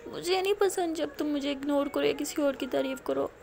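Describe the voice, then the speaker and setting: A woman plays a young college woman in love, needy and insecure. She pleads in a high, emotional voice with a creaky rasp, like a character in a spoken storybook romance. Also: a little fast, darkish tone. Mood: hurt.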